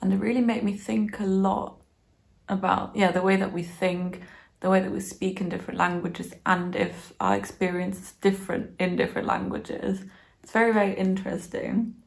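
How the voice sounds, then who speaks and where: Sitting on a sofa in her small living room, a German-English bilingual woman in her twenties talks books to camera in a relaxed, reflective review. Her medium-pitched voice is expressive, with vocal fry and a moderate pace.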